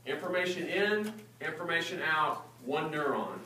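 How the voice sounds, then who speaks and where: A man teaches a class in a relaxed, joking manner and keeps checking that students follow. His voice sits a little high. He is recorded from a distance in a reverberant lecture hall with a faint background hiss. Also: moderate pace. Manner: casual and joking, keeps checking understanding with "okay?". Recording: echoey room recorded from afar.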